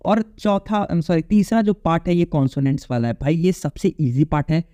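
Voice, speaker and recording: A man's voice: on the high side, expressive, moderate pace, mellow, dry recording. A male English teacher giving a casual exam-prep phonetics lecture, repeating points and checking in with his students. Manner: casual, repetitive, checks in with "okay?".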